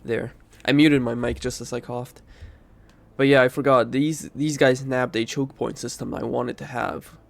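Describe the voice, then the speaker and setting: Stuffed up with a cold, a streamer gives casual play-by-play of a strategy game in a mid-range, creaky voice with fairly even intonation at normal speed. There is no room sound, and he rambles, thinks aloud, and self-corrects.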